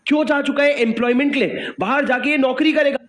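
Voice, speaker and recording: A man with an Indian accent teaching tax law in a lively, jokey lecture, acting out little dialogues and calling his students sir. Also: very high voice, fast. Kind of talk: animated classroom lecture. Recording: echoey room with faint background noise.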